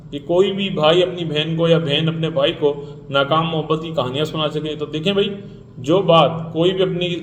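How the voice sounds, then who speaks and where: A man's voice: a little high, a little hiss or hum. A man giving an indignant, ranting commentary, repeating himself and mocking others by mimicking them. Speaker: vlogger. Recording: echoey room with faint ambience.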